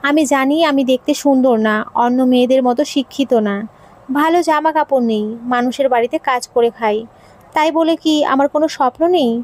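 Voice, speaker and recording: A woman voicing a young maid who has become a bride, bold, sharp-tongued and blunt. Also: high voice, moderate pace. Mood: pleading. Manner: blunt, pointed.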